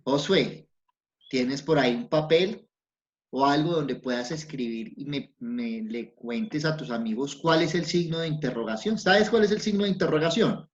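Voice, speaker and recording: A man's voice: fairly high pitch, moderate pace. A man teaching an online class to young children, patient and encouraging, asking lots of questions. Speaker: primary school teacher. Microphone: video call. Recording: dull lo-fi sound, faint noise.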